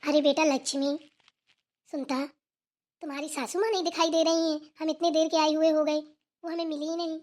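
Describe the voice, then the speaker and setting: A woman's voice: high voice, flat delivery, a little fast, pauses often, darkish tone, close to an everyday voice. A woman voicing an affectionate, chatty village mother visiting her daughter in a cartoon. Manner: affectionate, laughs easily. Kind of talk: cartoon voice acting.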